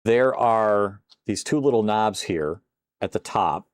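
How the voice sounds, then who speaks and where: A fairly low-voiced older man chats through a retro shoot 'em up on his live stream. His pitch swoops up and down a lot, and he lets out loud exclamations at close calls while he talks to viewers. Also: lively intonation, slow, no echo. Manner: chatty, exclaims loudly at close calls, greets chat viewers. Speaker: streamer playing a retro computer game. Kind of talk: casual live-stream gameplay commentary.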